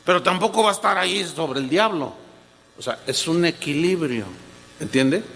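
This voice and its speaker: A man's voice: on the high side, expressive, moderate pace, gravelly, sharp tone. A man preaching a sermon as a pastor, speaking emphatically, repeating key words and addressing the congregation directly. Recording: long hall reverb.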